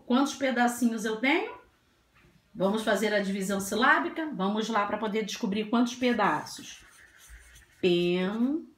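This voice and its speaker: A woman teacher going through a grammar worksheet for young children, speaking slowly and gently and drawing out each word. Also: fairly high pitch, animated. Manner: slow, drawn-out, gentle teacher talk with diminutives. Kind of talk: slow grammar lesson for children. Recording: echoey room.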